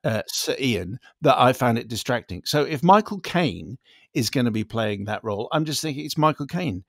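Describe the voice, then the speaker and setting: A man chatting as co-host of a film discussion. His voice sits at a middling pitch with noticeable fry, in a dry, close recording. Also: animated, moderate pace, dry recording. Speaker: radio show co-host.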